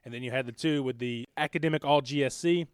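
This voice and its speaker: A man's voice: medium pitch, quick pace, smooth, dry recording. A man hosting a casual sports podcast in a studio, upbeat and chatty with easy laughs. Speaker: podcast host.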